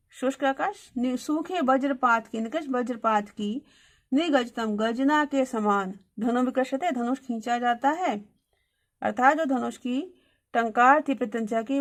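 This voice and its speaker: Woman Sanskrit tutor, higher voice, reads verses aloud, then explains each line. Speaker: Sanskrit teacher.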